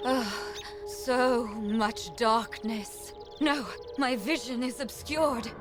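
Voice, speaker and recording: Casting: earnest, formal mystical guide in a video game, slightly high voice, unhurried delivery. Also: female voice, music in the background. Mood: foreboding. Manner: measured, dramatic, formal. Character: solemn mystical female guide, earnest and urgent. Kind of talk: scripted fantasy game character acting.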